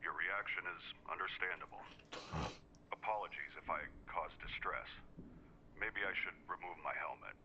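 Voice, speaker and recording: An actor playing a composed augmented male ex-soldier engineer in a video game, speaking in a measured, plainspoken way. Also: low-pitched, sharp tone, dull audio, slight background noise, exaggerated voice. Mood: calm. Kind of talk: video game character dialogue.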